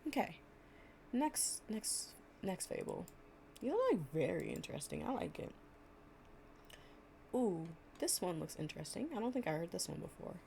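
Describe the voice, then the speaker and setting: A woman reads fables and chats playfully in a gentle storytime roleplay, her low, mellow voice creaky and sing-song. She speaks at normal speed, pausing often, over a faint hiss or hum.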